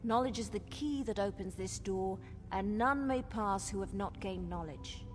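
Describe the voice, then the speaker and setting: An ancient female guardian played by an actress from a fantasy video game. She declaims solemnly and imperiously in a mid-pitched voice, with formal, commanding phrasing. Music plays clearly behind her. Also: moderate pace, close to an everyday voice.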